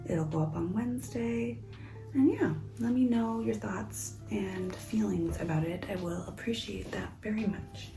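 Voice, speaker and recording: Softly half-whispering woman, gravelly tone. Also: mid-range voice, a little slow, echoey room, faint music behind, low-quality recording. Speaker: crafting vlogger. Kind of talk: casual chat. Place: home, indoors.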